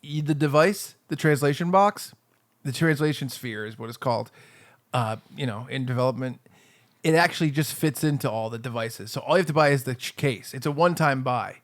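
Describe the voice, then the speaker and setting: A man playing a pompous male inventor pitching gadgets in an improvised comedy bit, with a confident salesman patter. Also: brisk, close to an everyday voice. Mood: boastful.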